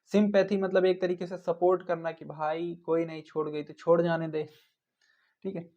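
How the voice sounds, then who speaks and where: A man with a fairly high voice runs through lists of synonyms in a brisk teaching rhythm and breaks them up with playful memory hooks. The recording sounds dull and lo-fi. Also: flat delivery, warm tone. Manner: brisk listing of synonyms with jokey memory tricks. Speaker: vocabulary teacher. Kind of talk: exam-prep vocabulary lesson.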